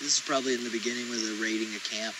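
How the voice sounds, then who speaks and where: A podcast co-host teases his partner and chats easily over a film trailer, dropping soft-spoken asides. His medium-pitched voice stays steady but runs very fast, and the noisy home recording carries hiss.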